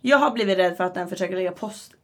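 A young woman, telling a story in casual chat and acting out her own panic. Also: on the low side.

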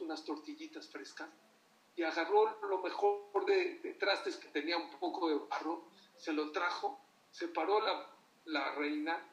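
A man giving a religious talk, telling stories in an animated way and putting questions to his listeners. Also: a little high. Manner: animated storytelling, asks the audience questions. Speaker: religious teacher. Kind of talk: sermon. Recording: echoey room from far off.

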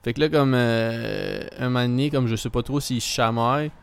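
A man's voice: medium pitch, fairly even intonation, moderate pace, gravelly, clear, resonant tone. A man with a Québécois French accent telling a story in a casual chat, rambling with lots of fillers and dropping in English words.

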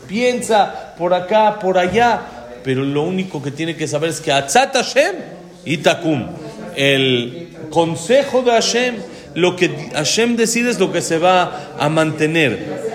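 A man, giving a religious lecture as a rabbi, who explains verses slowly, translates them and adds touches of humor. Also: high-pitched. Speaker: rabbi teaching a class.

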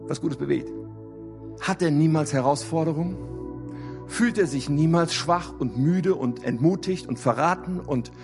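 A man preaching a sermon, emphatic, repeating key phrases and asking rhetorical questions. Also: on the high side. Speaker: pastor.

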